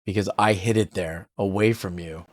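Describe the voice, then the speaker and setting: A man reading the lines of a grim, protective young brother from a game, quiet and muttered. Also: steady tone, normal speed, no echo, studio quality, close to an everyday voice. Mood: dry. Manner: low, muttered, quiet delivery. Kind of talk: reading game dialogue aloud.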